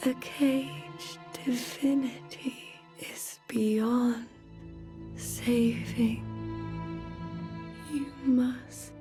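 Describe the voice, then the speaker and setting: A woman voicing a soft-spoken, sorrowful holy young woman in a whispered role-play, with a breathy, solemn delivery from a video game. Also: on the high side, fairly even intonation, music in the background. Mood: hushed, solemn. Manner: slow, hushed, solemn pleading.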